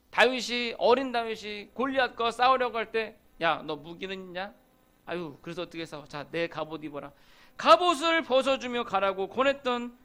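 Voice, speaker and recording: Male pastor, high voice, chatty sermon delivery that slips into acted-out everyday complaints. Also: sharp tone. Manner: conversational, acts out quoted grumbles. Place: church sanctuary.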